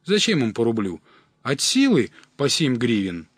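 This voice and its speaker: A man's voice: mid-range voice, huge pitch swings, unhurried, husky, dry recording, clean studio sound, full character voice. A man voicing a middle-aged male accomplice hustler who coaxes and eggs on in folksy speech in a story reading. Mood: knowing. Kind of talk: audiobook character voice.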